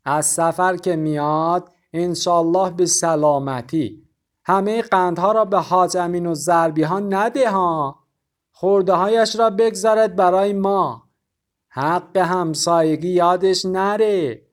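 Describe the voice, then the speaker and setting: A man voicing a chatty, nosy male shopkeeper who speaks Persian with a thick Azeri accent and a slow, drawn-out, teasing delivery. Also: sits high, pitched above the performer's own voice, natural voice. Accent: Azerbaijani Turkish (Azeri) accent in Persian.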